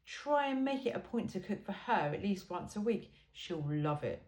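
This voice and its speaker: A mid-range, slightly mellow female voice, very animated and moving at a moderate pace, reads from a funny self-help book. She keeps it informal, wry and emphatic, dropping in chatty asides, and the room sounds echoey.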